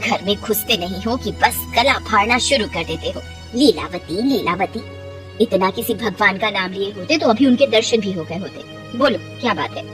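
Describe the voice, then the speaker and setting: A woman's voice: mid-range voice, animated, moderate pace, music in the background, pitched below the performer's own voice, close to an everyday voice. A woman voicing a lazy, sarcastic young village wife who scolds her husband. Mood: scolding.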